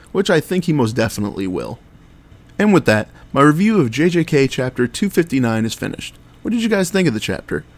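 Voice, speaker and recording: A man hosting a scripted video review as commentary, speaking in an enthusiastic, slangy fan manner. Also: mid-range voice. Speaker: YouTube reviewer, host.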